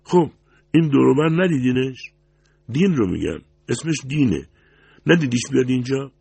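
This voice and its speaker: A man's voice: medium pitch, expressive, gravelly, darkish tone, slightly rough, dry recording, pitched above the performer's own voice. A man voicing a restless man who keeps pressing to learn where a missing waitress went, in an anxious, insistent manner. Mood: probing.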